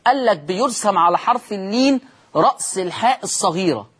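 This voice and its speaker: A man's voice: sits high, breathy edge. A man with an Egyptian accent teaching Quran recitation rules on television, explaining step by step and answering his own questions. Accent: Egyptian Arabic.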